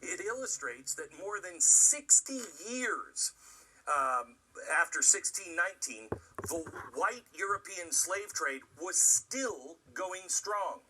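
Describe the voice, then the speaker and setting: An American man with a husky voice presenting opinionated commentary, emphatic and sarcastic, with dramatic pauses and rhetorical questions. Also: high voice, very animated, bright, forceful tone, distant mic, slight background noise, poor audio. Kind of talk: opinionated commentary to an audience, part scripted, part ad-libbed.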